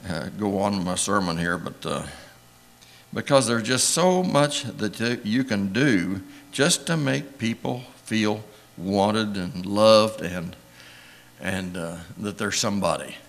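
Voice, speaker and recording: A man's voice: on the low side, takes it slowly, gravelly. An older man, a church elder, telling rambling, emotional stories in a folksy sermon and chuckling often. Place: church sanctuary.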